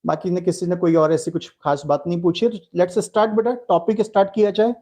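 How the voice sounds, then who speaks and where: A male chemistry teacher with an Indian accent teaches a live online class. He speaks in a mellow, warm tone and talks to students in a fatherly way as he answers their chat messages. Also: sits high, steady tone, brisk.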